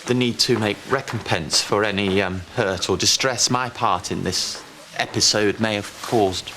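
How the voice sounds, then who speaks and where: A man's voice: lowish voice, unhurried, pushed and bright, a little hiss or hum. An actor playing a man who apologises in a hesitant, stilted and formal way. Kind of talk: soap opera acting.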